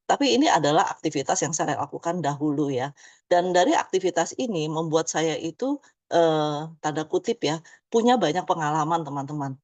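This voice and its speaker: A business presenter in her fifties gives a chatty motivational talk, tagging many of her phrases with "ya." Her voice is low-pitched with a darkish tone, and the recording has no echo.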